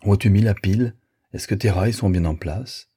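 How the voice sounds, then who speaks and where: A man voicing a calm, firm grown man who looks after children, speaking briskly. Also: fairly low pitch, slightly rough.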